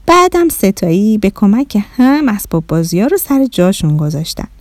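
A woman narrating a children's story in a lively, expressive way. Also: mid-range voice, no echo.

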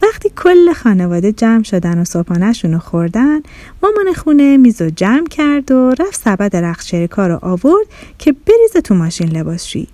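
A woman's voice: mid-range voice, big pitch swings, dry recording. A woman narrating a children's story in a playful storybook manner. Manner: warm storybook telling, playful rhyming words.

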